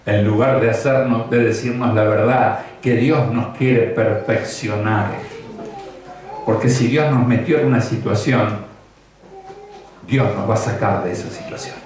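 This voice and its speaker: Slow-talking pastor in echoey church. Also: male voice, lowish voice, steady tone, a little mellow, far from the mic. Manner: conversational, asks the congregation rhetorical questions. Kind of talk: sermon. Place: church hall.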